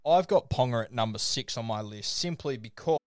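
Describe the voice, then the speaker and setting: A man's voice: medium pitch, animated, brisk, no echo. A man with an Australian accent hosting a casual sports discussion and moving through a ranked list. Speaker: podcast host.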